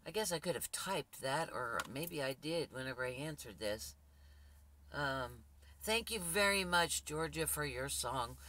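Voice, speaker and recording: Husky, gruff-voiced woman host. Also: extremely low pitch, a little slow, fairly bright tone, a little hiss or hum. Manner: rambling, many fillers and restarts. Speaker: spiritual channel host. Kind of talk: casual talk to viewers.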